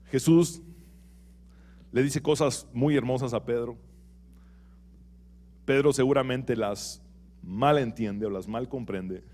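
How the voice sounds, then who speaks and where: Animated male pastor preaching a sermon. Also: mid-range voice, slow pace, pauses often. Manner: animated preaching, shifting between loud and soft, rhetorical questions. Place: church.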